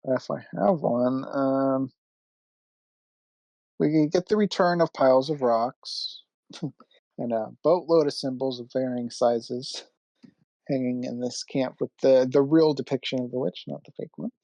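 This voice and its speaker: A man's voice: medium pitch, unhurried, gravelly, mellow, dry recording, poor audio. A man co-hosting a film podcast, talking in an offhand way and trailing off when he loses his point. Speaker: podcast co-host. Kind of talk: casual chat.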